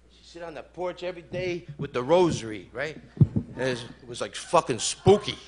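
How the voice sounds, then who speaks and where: A man's voice: a little high, lively intonation, normal speed. A man doing a stand-up set in a comedy club, brash and profane, teasing the crowd. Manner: brash, profane, teases the audience. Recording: live club recording with room noise.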